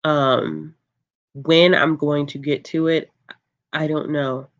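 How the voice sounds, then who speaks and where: Chatting on a livestream, this book channel host works through viewer comments slowly in a calm, low voice. Relaxed and prone to laughter, he fills the gaps with plenty of ums, and the sound is lo-fi.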